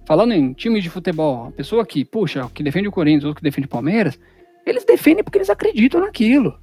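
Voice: mid-range voice, sing-song, fast, dark tone, breathy edge, soft background music. A communication instructor giving an informal lecture. The speaker talks in a casual, slangy way and acts out everyday examples in changed voices.

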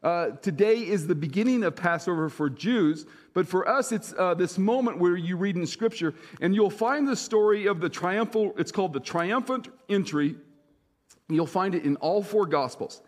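High-voiced pastor in a reverberant hall. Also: male voice, lively intonation, normal speed. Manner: conversational storytelling, repeats phrases for emphasis. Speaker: senior pastor. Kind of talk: sermon.

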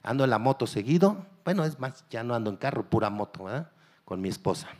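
A man's voice: mid-range voice, big pitch swings, quick pace, a little mellow. A middle-aged man, preaching a sermon as a pastor and urging his listeners on directly.

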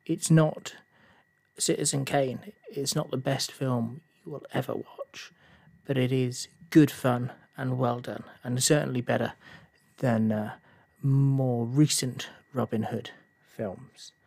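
A man's voice: mid-range voice, fairly even intonation, slow pace, creaky, a little mellow, no echo. Casual man hosting a film podcast. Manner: casual, hesitant with many fillers, rising into a heated rant. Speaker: podcast host. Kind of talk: solo film review podcast.

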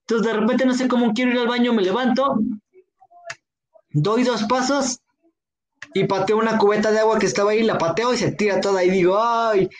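A man with a Mexican accent telling a story in a slangy, relaxed way and acting out the lines of people in it. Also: sits high, fairly quick, long pauses. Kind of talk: casual chat, telling a drinking anecdote.

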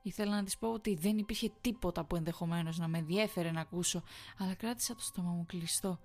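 A woman narrating a horror story in a measured, tense storytelling manner. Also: fairly low pitch, a little mellow, faint music behind.

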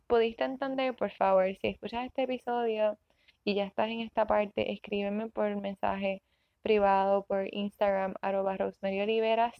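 A woman's voice: medium pitch, no echo. A woman in her thirties hosting a self-help podcast in a chatty, earnest way, often checking in with the listener and laughing. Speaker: podcast host. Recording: dull dry recording.

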